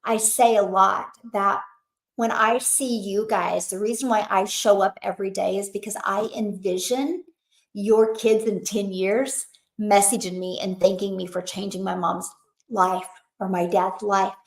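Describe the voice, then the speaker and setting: A woman's voice: mid-range voice, steady tone, measured pace, roomy sound, poor audio. A woman hosting a motivational webinar, talking in a chatty, emphatic way with lots of fillers. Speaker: webinar host.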